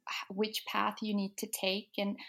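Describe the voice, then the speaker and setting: A young woman from Denmark talks about herself as a guest author in a casual interview. Her mid-pitched voice has a gravelly, creaky edge, and she pauses often with ums and restarts. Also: completely flat delivery. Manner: soft-spoken, many ums and restarts.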